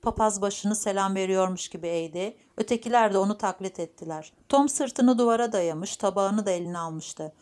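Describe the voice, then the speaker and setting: A woman narrating an audiobook in a steady, measured reading voice. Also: medium pitch. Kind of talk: scripted narration.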